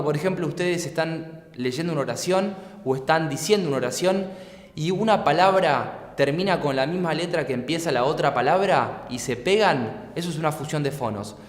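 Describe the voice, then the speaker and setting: Man lecturing in an echoey hall. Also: on the high side. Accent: Argentine Spanish. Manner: clear, patient, asks rhetorical questions. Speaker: teacher. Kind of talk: explanatory lecture. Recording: echoey room with long reverb.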